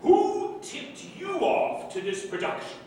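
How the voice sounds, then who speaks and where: A man's voice: very high-pitched, big pitch swings, takes it slowly, warm tone, slight background noise, exaggerated voice. A man playing a pompous detective on stage, lecturing and commanding the suspects. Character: pompous male detective running a murder inquiry. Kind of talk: stage play acting. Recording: echoey stage from far off, faint ambience.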